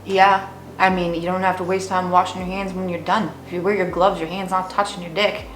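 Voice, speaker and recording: A woman's voice: on the low side, level tone, brisk, lightly acted. A woman playing both parts of a re-enacted conversation, here voicing a blunt, careless male construction coworker. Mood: defensive, nonchalant. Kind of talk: acted dialogue re-enactment. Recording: roomy echo, faint music.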